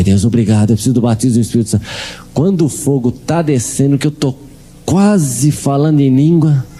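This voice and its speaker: Man, church testimony, comic storyteller, mellow tone, a bit high. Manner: animated storyteller, acting out quoted dialogue. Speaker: preacher giving testimony.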